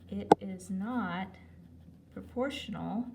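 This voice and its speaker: Lady math teacher talking slow and chatty, kinda far from the mic in an echoey room w/ faint hum. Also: medium pitch, creaky. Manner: chatty, talks while writing, self-corrects. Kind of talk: recorded video lesson.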